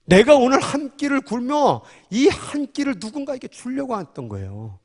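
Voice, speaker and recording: Fervent high-pitched male preacher in a hall. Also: sing-song, normal speed, a little mellow. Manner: fervent, emphatic preaching with repeated fillers. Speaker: pastor. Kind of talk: sermon. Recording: long hall reverb.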